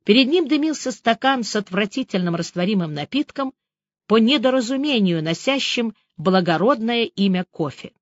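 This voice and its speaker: A woman narrating a story in the first person, reading in a lively, expressive way. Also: fairly high pitch, moderate pace, no echo. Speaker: audiobook narrator. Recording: dry, slightly dull audiobook recording.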